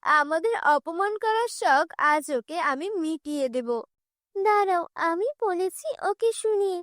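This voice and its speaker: A woman's voice: extremely high pitch, animated, unhurried, fairly bright tone, no room sound, studio quality, full character voice. A woman voicing a resentful poor village woman in a cartoon, grumbling indignantly.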